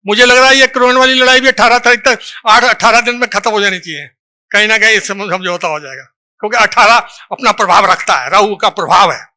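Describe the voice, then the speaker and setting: Here a man with a high, bright, forceful voice talks fairly quickly while lecturing a live seminar audience. He reads verse aloud from a book and tests the listeners with short questions.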